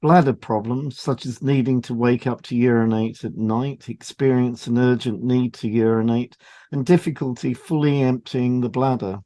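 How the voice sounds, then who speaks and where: Reading from a script, this podcast co-host explains things in a measured way fitting an educational show. He's a man whose voice is relaxed and mellow, sitting in the middle of the pitch range.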